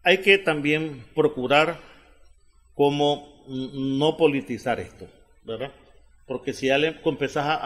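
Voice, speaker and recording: A man's voice: medium pitch, a bit bright. Host guy, keeps tacking on little questions, lots of eh eh between points. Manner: keeps adding tag questions and doubled fillers. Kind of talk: analytical talk-show conversation.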